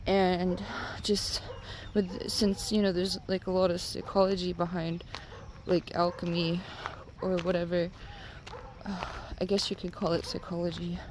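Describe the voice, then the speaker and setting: A stoned woman rambling casually and haltingly, with lots of filler "like"s, as she vlogs on a walk. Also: lowish voice, little pitch movement, background noise. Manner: rambling, halting, heavy use of "like". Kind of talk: casual rambling vlog talk. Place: outdoors, on a walk.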